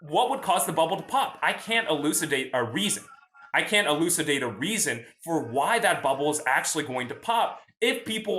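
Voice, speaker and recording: Bright-voiced young man in an echoey room. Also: on the high side. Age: young adult. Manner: chatty, explains and greets viewers from chat, often asks "right?". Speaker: host. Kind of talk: casual livestream finance talk.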